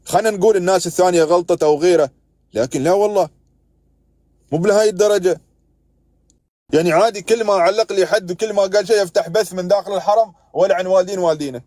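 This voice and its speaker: A man's voice: sits high, fast talker, a little mellow, no echo. A man with an Emirati accent hosting a heated live stream, scolding and arguing with callers. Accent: Emirati Arabic. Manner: exasperated, scolding, keeps interrupting callers.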